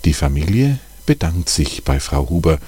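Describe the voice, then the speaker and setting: A man's voice: very deep voice, sing-song, normal speed, dark tone, slightly rough. Man narrating a storybook.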